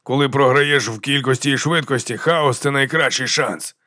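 A man reading an audiobook voicing a grim, steady veteran soldier who gives terse orders. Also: mid-range voice, normal speed, no room sound, studio quality, natural voice. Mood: commanding. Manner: terse, commanding.

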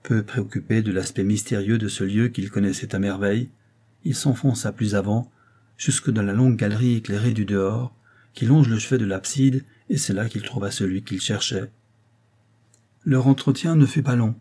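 A man reading a classic novel aloud as an audiobook, in a measured, calm way. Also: lowish voice, slightly rough. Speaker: audiobook reader. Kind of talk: literary audiobook narration.

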